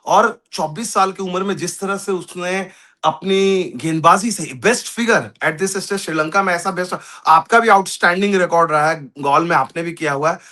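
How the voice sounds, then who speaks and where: A man with an Indian accent co-hosting a cricket chat in an animated, bantering way. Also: sits high, moderate pace. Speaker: cricket show co-host.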